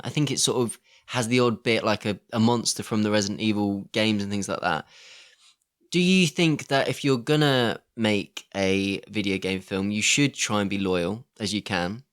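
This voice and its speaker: Posing questions in a casual podcast discussion, this co-host speaks in a conversational, curious way. His voice is fairly low in pitch and a bit bright.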